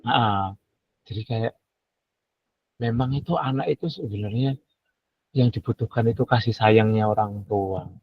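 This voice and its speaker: A man's voice: lowish voice, a little slow, long pauses, husky, no echo, muffled recording. A man teacher, speaking politely in casual talk and quoting his pupils. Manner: relaxed, polite, quotes pupils in dialogue. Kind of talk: casual chat in a coaching practice session.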